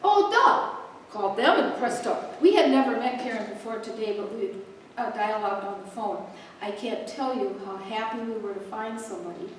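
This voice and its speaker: A woman's voice: medium pitch, brisk, slight background noise. Chatty woman host in an echoey hall. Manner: chatty, joking, with asides and laughs. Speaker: host introducing a speaker. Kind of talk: casual welcome speech to a live audience. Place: community event hall. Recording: echoey room picked up from a distance.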